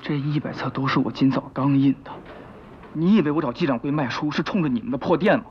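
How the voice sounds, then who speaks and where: A man's voice: mid-range voice, fast, natural voice. An actor playing a scheming, self-pitying male client in a comic drama, bossy, indignant and theatrical. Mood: domineering. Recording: muffled, slightly noisy soundtrack.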